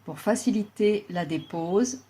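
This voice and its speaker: In a mid-range voice, a woman leads a guided yoga relaxation, speaking slowly and soothingly with long, deliberate pauses.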